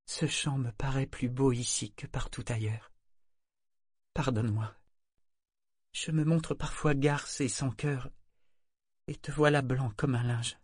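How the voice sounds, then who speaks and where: A man voicing a young woman who speaks softly and tenderly, with a raised, gentle voice. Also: medium pitch, fairly even intonation, unhurried, pauses often, slightly rough, no echo, clean studio sound, pitched above the performer's own voice. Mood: remorseful tender.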